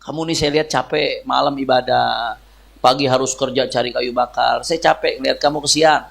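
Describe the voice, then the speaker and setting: A man voicing a pious mother who gently advises her devoted son, in a gravelly voice. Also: mid-range voice, fairly even intonation, normal speed, pitched below the performer's own voice. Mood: gentle instructing.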